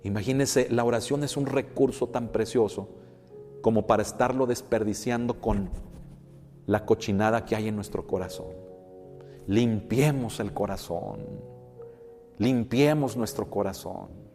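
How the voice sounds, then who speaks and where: A man's voice: lowish voice, unhurried, a little mellow, long reverb tail, soft background music. A man preaching a sermon as a pastor, asking rhetorical questions and calling his listeners brothers. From Mexico.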